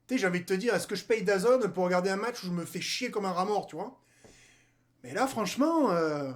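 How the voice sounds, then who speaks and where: A man giving a casual football debrief, talking animatedly in slang, speaking straight to players and viewers and mocking the rival side. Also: high voice. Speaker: football fan commentator.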